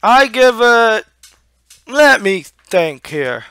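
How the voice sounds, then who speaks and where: A young man giving a casual, halting review to camera on a headset mic, talking with a lip full of dip. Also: high voice, very animated, sharp tone, clean tone, dry recording, clean studio sound, soft background music. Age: young adult. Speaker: amateur product reviewer. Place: small room at home. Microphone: headset microphone.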